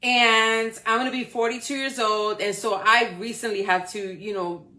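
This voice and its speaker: Bright-voiced encouraging woman in her forties. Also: a little high, steady tone, normal speed. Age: 40s. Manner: encouraging, checks in with frequent "okay?" and "right?". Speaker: motivational speaker. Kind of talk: live-stream motivational talk.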